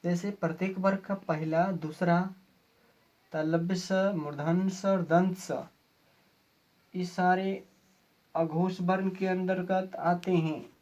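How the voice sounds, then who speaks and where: A male teacher giving a grammar lesson, going slowly and repeating each definition. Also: high-pitched, level tone, a little mellow, highs cut off.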